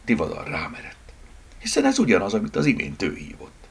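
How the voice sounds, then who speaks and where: A man reading a novel chapter aloud, expressive, slipping into whispered asides. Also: on the low side, gravelly, breathy edge. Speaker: audiobook narrator. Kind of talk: scripted narration.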